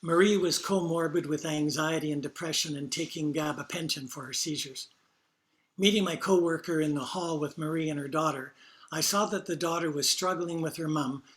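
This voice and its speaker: A man reading personal stories from care work as a reflection during a service, in a quiet, measured way. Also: fairly high pitch.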